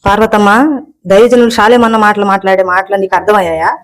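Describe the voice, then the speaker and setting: A woman's voice: mid-range voice, steady tone, quick pace, poor audio. A woman speaking in a challenging, questioning rant. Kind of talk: angry rant.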